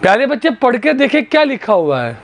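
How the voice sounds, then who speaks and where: A man's voice: very high-pitched, wildly swooping pitch, brisk. A man teaching accounting to school students, explaining each term step by step and repeating key words. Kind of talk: classroom lecture. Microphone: recorded lecture for an education channel.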